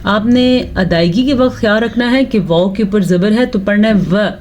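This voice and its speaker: A woman teaching Quran pronunciation, reciting words slowly and breaking them into syllables with patient explanation. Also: medium pitch, a little mellow, slight background noise. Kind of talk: slow tajweed lesson with recitation.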